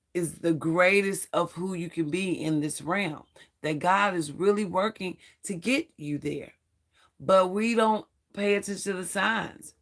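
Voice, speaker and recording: His voice is going: this Bible study host is hoarse and strained as he reads scripture and offers earnest spiritual remarks, now and then stumbling on tricky names. The voice is mid-range with a fairly bright tone.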